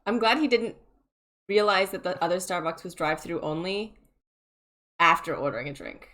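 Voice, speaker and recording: A woman's voice: lowish voice, animated, normal speed, fairly bright tone. Giggly teasing woman. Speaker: tabletop game player. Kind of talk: casual group chat.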